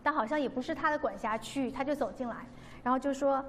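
Woman, fairly high voice, earnest testimony, long reverb with faint background noise. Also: quick pace, fairly bright tone. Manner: earnest, devout, re-enacts dialogue. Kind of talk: personal testimony storytelling.

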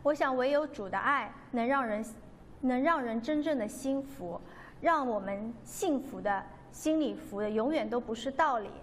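Woman, fairly high voice, earnest testimony, long reverb with faint background noise. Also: normal speed. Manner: earnest, devout, re-enacts dialogue. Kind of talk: personal testimony storytelling.

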